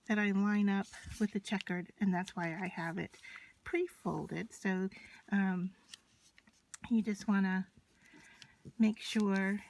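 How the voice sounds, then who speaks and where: A woman with a mid-pitched voice presents a casual, unscripted craft tutorial. She explains each step as she works with her hands. Noise is audible behind her, with scratching and clicks from the materials she handles. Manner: instructional, talking through each step while working with her hands.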